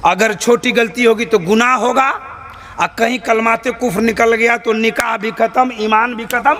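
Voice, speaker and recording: A man's voice: extremely high pitch, steady tone, moderate pace, fairly bright tone. A man preaching a sermon to a live gathering, teasing the listeners, firing questions at them and scolding the noisy ones. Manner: banters with and questions the audience. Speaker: Islamic preacher. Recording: live crowd audible behind.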